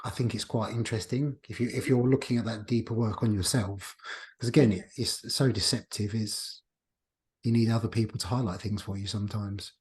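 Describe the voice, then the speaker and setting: A man's voice: on the low side, steady tone, a little fast, darkish tone. A man hosting a podcast, talking in a reflective, casual way and often restarting his sentences as he thinks aloud. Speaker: podcast host. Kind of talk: casual conversation.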